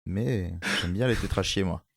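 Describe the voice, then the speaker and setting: A man with a fairly low voice co-hosts a film chat recorded over an online call. He teases the host and cracks quick jokes. The sound is dry and close. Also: vocal fry, no echo. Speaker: podcast co-host. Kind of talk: casual film-review chat.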